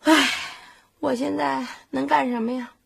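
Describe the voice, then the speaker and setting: An actress playing an excitable, easily duped middle-aged mother in a family sitcom, complaining dramatically. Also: high-pitched, unhurried, vocal fry, exaggerated voice. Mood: sulky. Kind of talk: sitcom acting.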